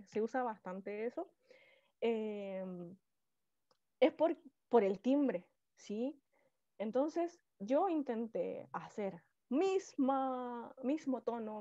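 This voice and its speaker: A woman teacher with a Chilean accent and a shrill voice, giving a lively online class and often checking in with her students. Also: dry recording. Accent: Chilean Spanish. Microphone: video call. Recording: slightly muffled video-call audio.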